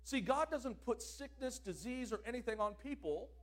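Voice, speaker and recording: High-voiced guy preaching, really animated, loud bits then quiet asides. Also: moderate pace. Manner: emphatic, swings between loud declarations and quiet asides. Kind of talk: sermon.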